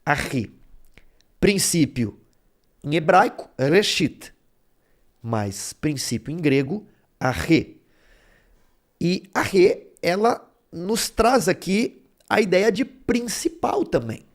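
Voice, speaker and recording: A man's voice: high voice, very animated, very slow, long pauses. A man teaching a Bible lesson, explaining word roots step by step and checking in with his listeners as he goes. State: throat bothering him.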